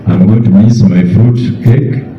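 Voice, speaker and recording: Kenyan dad giving a eulogy, mature guy, deliberate, repeats himself, roomy far off muffled recording. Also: fairly low pitch, fairly even intonation. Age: middle-aged or older. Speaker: bereaved father giving a eulogy. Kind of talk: eulogy speech. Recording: echoey, distant, dull public-address sound.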